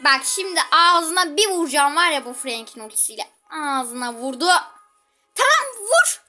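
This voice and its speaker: Brief: woman gaming host, high pitch, chatty live commentary with sharp exclamations. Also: normal speed, faint music behind. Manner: chatty, exclaiming, talks to viewers while playing.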